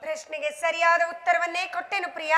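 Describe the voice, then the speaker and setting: A woman's voice: very high voice, little pitch movement, fast, a little hiss or hum. A woman playing the wronged queen Draupadi, bitter and defiant, declaiming emphatic, plaintive stage dialogue in a village mythological play. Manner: emphatic, plaintive theatrical delivery. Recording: live stage recording with very loud music.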